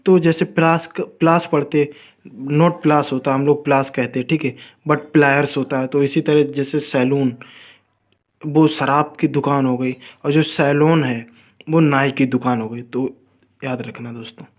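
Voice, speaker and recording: A man teaching English in a casual spoken lesson, repeating words slowly and talking to viewers as friends. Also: medium pitch, steady tone. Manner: addresses viewers as friends, informal.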